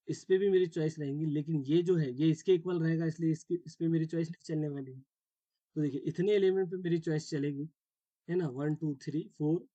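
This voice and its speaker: A man lectures a math class with a slightly high, mellow voice. He walks through each step and keeps checking that his students follow. The sound is dry and close. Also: dry recording. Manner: explains step by step, checks understanding often; mixes English terms into Hindi. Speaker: math teacher.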